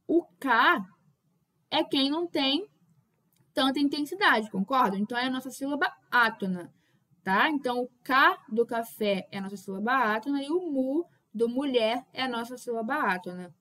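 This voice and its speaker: High-voiced woman teaching Portuguese. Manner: explains patiently with frequent check-ins; calls out words loudly to show stress. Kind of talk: classroom lesson at a whiteboard.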